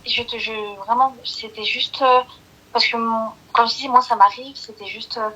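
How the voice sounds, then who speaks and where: A woman caller with a small, soft voice, talking hesitantly and apologetically on a live call. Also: on the high side, fairly even intonation, moderate pace, breathy edge, muffled recording.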